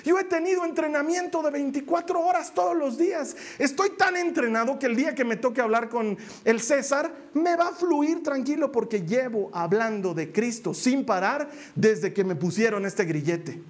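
Give me a preacher acting out a joyful, defiant prisoner apostle in a high, lively voice. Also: male voice, normal speed, hardly any pauses. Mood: confident. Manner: exuberant, rhetorical, speaking in first person as the prisoner. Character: apostle Paul, chained prisoner, joyful and bold. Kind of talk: sermon role-play.

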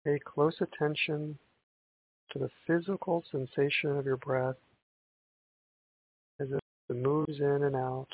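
A man guiding a breathing meditation in a calm, gentle, meditative tone, on a thin band-limited recording. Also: on the high side, a little slow, long pauses. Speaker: meditation guide. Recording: tinny band-limited audio with hiss.

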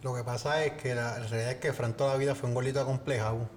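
A man's voice: medium pitch, fairly even intonation, very fast, a little hiss or hum. A man teasing a friend in casual chat. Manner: joking, teasing.

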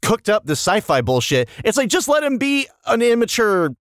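A man's voice: high-pitched, very animated, normal speed, dry recording. A man hosting a podcast, talking casually and emphatically, analysing and swearing as he gives his opinions. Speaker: podcast host. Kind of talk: casual opinionated review chat.

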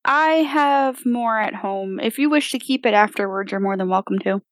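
A woman's voice: on the high side, dry recording, studio quality, natural voice. Woman playing a poised, gracious fantasy traveller. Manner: polite, measured, formal.

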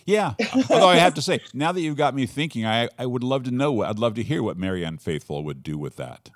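A man's voice: medium pitch, fairly quick, no room sound, studio quality. A man hosting a casual discussion, rambling and often restarting his sentences as he thinks aloud. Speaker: podcast host.

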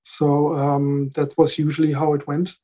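A man from the Netherlands answers questions in relaxed conversation, pausing often with fillers and restarting his sentences. His voice sits a little high for a man but sounds mellow and warm. The audio is slightly dull, like a lo-fi recording. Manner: thoughtful, many fillers and restarts. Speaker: recording engineer guest. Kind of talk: casual interview answers.

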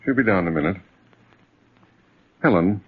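An actor playing a gentle, patient father in a 1940s radio drama, on a tinny old recording. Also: fairly low pitch, animated, normal speed, slightly rough. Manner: soothing, patient. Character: gentle doting father, adult man.

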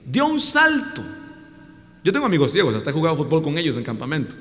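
A man's voice: on the high side, wildly swooping pitch, quick pace, a bit bright. A man with a Mexican accent preaching a sermon in a colloquial, joking way, in a hall with long reverb.

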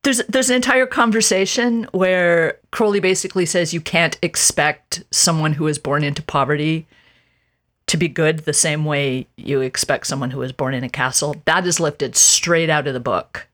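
Podcast host, casual chat, mid pitch, laughs a lot, recaps scenes. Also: fairly even intonation, moderate pace, fairly bright tone.

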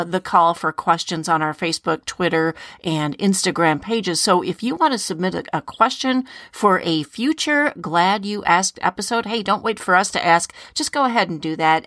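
A woman's voice: fairly low pitch, no echo. A woman with a Northern US accent co-hosts a chatty podcast. Her voice swings up and down with lots of life and she laughs easily. The sound is close and dry. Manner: playful, laughs easily, animated. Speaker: podcast co-host. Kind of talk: casual chat.

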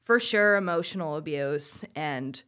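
A woman's voice: sits low, lively intonation, measured pace, a bit bright. A young woman in her twenties chats openly on a podcast about her years as a college swimmer. Her talk is loose and conversational, packed with "like" and "you know.". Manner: heavy use of "like", chatty and candid. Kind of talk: casual chat.

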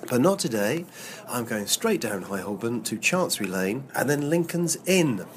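A man's voice: medium pitch, very animated, normal speed, a little hiss or hum. A man working as a walking tour guide, chatting enthusiastically as he walks outdoors through the city and describes the sights around him. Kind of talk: on-location podcast narration. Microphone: handheld recorder on location.

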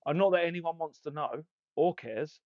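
A man's voice: a little high, normal speed, lo-fi sound. A man co-hosting a podcast in casual chat, laid-back and agreeable, a little out of breath. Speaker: podcast co-host.

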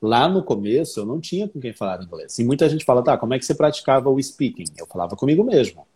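A man's voice: medium pitch, big pitch swings, quick pace, dark tone, slight background noise. A man from Brazil, an English teacher, chatting as an interview guest and acting out his own past thoughts as he tells stories. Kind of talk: casual interview chat.

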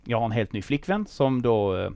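A man's voice: mid-range voice, sing-song, vocal fry, darkish tone, clear, resonant tone, no echo. A man with a Skåne accent, a musician guest in casual chat, hesitant and full of fillers.

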